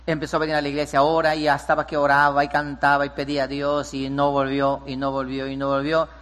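Male pastor, slightly high voice, sermon delivery with big swings in loudness. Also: completely flat delivery, fast talker, in a large hall. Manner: preaching, swings from hushed storytelling to loud emphatic peaks. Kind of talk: sermon with storytelling.

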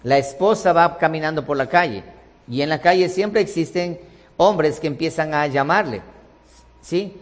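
A man's voice: fairly high pitch, moderate pace. Man, sermon, emphatic, repeats himself, reverberant hall. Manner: emphatic, with rhetorical questions and repetition. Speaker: preacher.

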